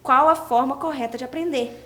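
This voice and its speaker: A woman's voice: sits high, a little fast, fairly bright tone. A young woman, a podcast guest explaining scripture and asking rhetorical questions. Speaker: guest speaker.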